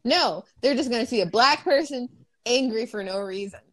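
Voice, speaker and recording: A woman's voice: fairly high pitch, lively intonation, moderate pace, fairly bright tone, no room sound. A woman talking frankly and bluntly in a casual conversation, swearing freely.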